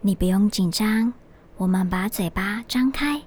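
A woman voicing a kind male dentist in a children's story, speaking in a soothing, reassuring, hushed way. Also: mid-range voice, unhurried, breathy edge. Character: kind gentle male dentist, older uncle type.

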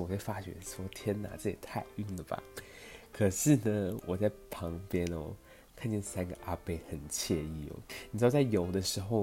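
Man, Taiwanese Mandarin accent, young adult, rambling storyteller, deep voice, soft music underneath. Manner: chatty, meandering, with many fillers. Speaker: podcast host. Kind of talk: casual personal storytelling.

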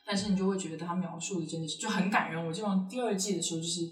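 A woman's voice: lowish voice, steady tone, rapid-fire, distant mic, over a noisy crowd. A woman hosting a casual podcast chat, recorded in a roomy space a little away from the mic. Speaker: podcast host.

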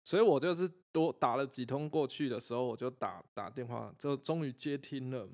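A man's voice: medium pitch, brisk. A man co-hosting a podcast, telling a story in casual chat and acting out the people in it. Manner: storytelling with laughs, acts out quoted voices. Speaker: podcast co-host.

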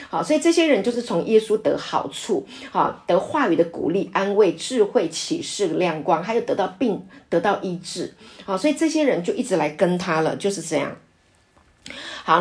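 A middle-aged woman pastor teaching a Bible study in an earnest, personal way, often pausing on "ah" fillers. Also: fairly low pitch, darkish tone. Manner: earnest, filler-heavy with frequent "ah", testimony-driven.

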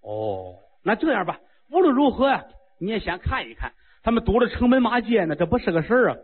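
Greedy king, low and conspiratorial, voiced by a storyteller; husky, tinny radio sound. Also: wildly swooping pitch, fairly quick, full character voice. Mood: gleeful. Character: greedy middle-aged king, gleeful schemer.

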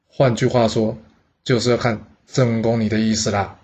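A man's voice: fairly low pitch, little pitch movement, normal speed, darkish tone, breathy edge. A man telling a history story in a chatty, conversational way, with explaining asides. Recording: dull lo-fi audio.

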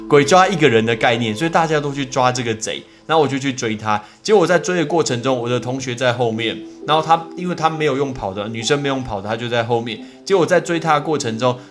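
A man hosting a podcast, telling a story and then teaching English words, lively and animated. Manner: lively, swings pitch up when telling the story, slow when drilling words. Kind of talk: casual storytelling and vocabulary lesson.

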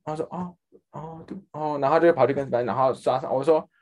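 A man with a Taiwanese Mandarin accent telling a work story in casual podcast chat, acting out the people he quotes. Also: fast. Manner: animated, acts out quoted people with big pitch jumps. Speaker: podcast co-host.

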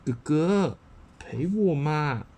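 Man doing a stubborn little boy's high sing-song. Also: animated, extremely slow, a little mellow, heavily acted. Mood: pleading. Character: little boy who won't sleep, sings loudly.

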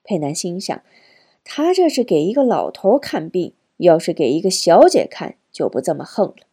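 Husky, expressive woman narrator. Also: fairly low pitch, normal speed. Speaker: audiobook narrator. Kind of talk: novel reading.

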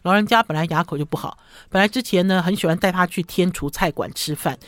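A woman's voice: fairly low pitch, quick pace, dry recording. A woman hosting a radio food show, talking casually and tagging her phrases with a short "ha". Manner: chatty, ends phrases with a short "ha".

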